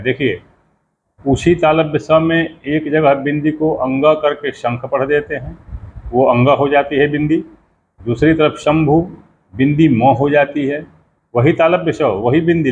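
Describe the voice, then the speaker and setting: A middle-aged man teaching as a pandit, explaining mantra pronunciation at a measured pace and drawing out each sound he stresses. He often stops to ask the listener how a sound should be read. The audio is a little dull and lo-fi, with faint noise behind him. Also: medium pitch. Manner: explanatory, repeats key sounds slowly, asks rhetorical questions. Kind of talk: spoken lesson to camera.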